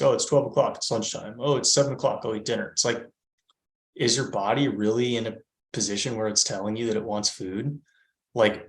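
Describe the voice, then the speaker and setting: A fitness coach in his thirties speaks in a podcast interview, his medium-pitched voice a bit bright and the sound roomy. He explains things emphatically and keeps checking in with "right?"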